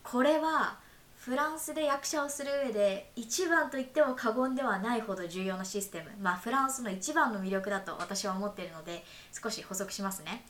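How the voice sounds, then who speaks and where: A woman's voice: fairly high pitch, fairly quick, fairly bright tone. A woman hosting an interview podcast, politely asking questions and explaining a topic in an aside. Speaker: podcast host. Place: room in Paris. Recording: echoey room, faint hiss.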